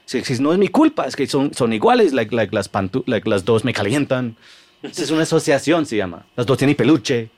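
American man talking comedy in halting Spanish. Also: medium pitch, big pitch swings, darkish tone. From United States. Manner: explains his comedy method in halting Spanish, mixing in English fillers. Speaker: comedian guest. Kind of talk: casual podcast conversation.

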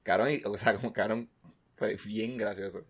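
A man, casually chatting as a podcast co-host and telling animated stories, swearing constantly and mimicking the people he talks about. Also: on the low side, moderate pace, breathy edge. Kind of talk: casual chat.

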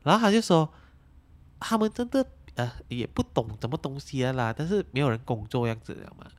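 A woman with a Malaysian Mandarin accent chatting on a podcast, telling an anecdote in an animated, exasperated way. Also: extremely low pitch, a little fast. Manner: animated, exasperated storyteller who acts out the people she quotes. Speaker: podcast speaker. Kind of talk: casual chat, telling an anecdote.

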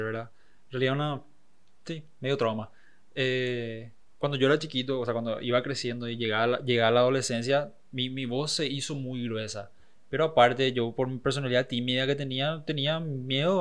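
A man's voice: medium pitch, brisk. A man interviewing a guest in a casual chat, sharing personal anecdotes from his youth. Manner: conversational, tells personal anecdotes.

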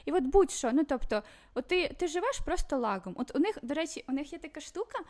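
A high-pitched woman talks in relaxed, casual conversation. She rambles with many fillers, "well"s and broken-off restarts. She speaks as a guest on a chat podcast. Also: fast talker. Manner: chatty, full of fillers and restarts. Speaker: podcast guest living in Sweden.

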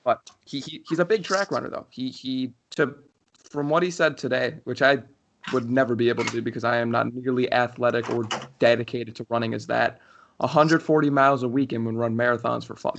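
A man's voice: mid-range voice, steady tone, a little fast, gravelly, muffled recording, a little hiss or hum. A young man co-hosting a hockey podcast, talking in a rambling casual way with many restarts. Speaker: podcast co-host. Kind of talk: casual chat.

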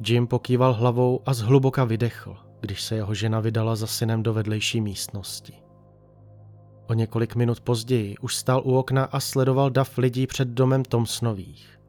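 A man calmly reading a dark story aloud as narrator, in an even storytelling manner. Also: mid-range voice.

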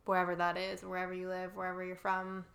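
A woman's voice: lowish voice, monotone, quick pace, creaky, fairly bright tone. A woman hosting a podcast, chatting earnestly and asking her guest set questions. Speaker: podcast host. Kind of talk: casual podcast interview.

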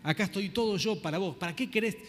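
A man's voice: high voice, fast, in a large hall, soft background music, voice pushed up, close to an everyday voice. A man preacher voicing a brash, insensitive husband with an Argentine accent, boasting to his wife. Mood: smug.

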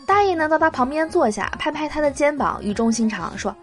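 A young woman hosts a radio show and reads jokes aloud, laughing along at them. Her pitch is on the higher side and she swings it up and down as she talks. Soft music plays underneath. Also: animated, a little fast. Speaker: radio host reading jokes.

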